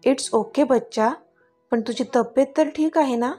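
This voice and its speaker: A woman voicing a caring young husband who talks in a worried, hurried way in a storybook reading. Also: high-pitched, warm tone, faint music behind.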